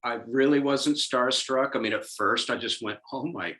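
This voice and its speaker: A man's voice: mid-range voice, fairly even intonation, moderate pace, bright, forceful tone, low-quality recording. A man talking as a guest in a casual podcast chat, telling a story and acting out his own thoughts in quoted asides.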